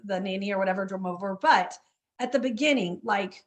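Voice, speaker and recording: A woman's voice: mid-range voice, a little fast. A woman run club coach telling a story in a casual interview, chatty, full of fillers and "you know what I mean".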